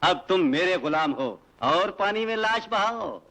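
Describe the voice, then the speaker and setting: A gloating corrupt police officer. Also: male voice, high voice, expressive, a little slow, pushed and bright, exaggerated voice, rough recording. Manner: gloating, taunting, theatrical. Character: smug corrupt crime-branch police officer. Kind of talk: Hindi-dubbed film acting.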